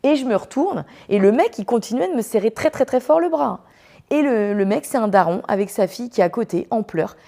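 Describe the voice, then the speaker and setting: A woman's voice: a little high, expressive, brisk, gravelly, warm tone. A woman hosting a podcast, telling anecdotes in a chatty, slangy storytelling way with many fillers. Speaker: podcast host. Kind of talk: casual storytelling.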